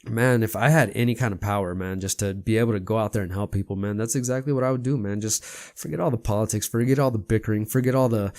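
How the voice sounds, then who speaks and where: Rambling low-voiced podcast host. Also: male voice, quick pace, darkish tone, no echo, clean studio sound. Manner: rambling, fills with "man" and "you know what I mean". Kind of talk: casual podcast monologue.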